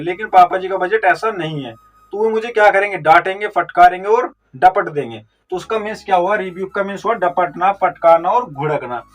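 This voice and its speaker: A man teaching a vocabulary lesson, explaining step by step with memory tricks and answering his own questions. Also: high-pitched. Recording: distant mic with faint music.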